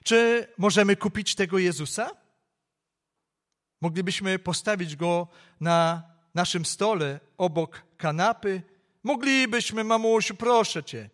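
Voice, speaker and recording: An earnest little girl of four or five, begging and pleading in a high, light voice, as a man reading the story aloud puts her on. She speaks simply and sincerely, like a child in a told tale. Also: expressive, unhurried, fairly bright tone.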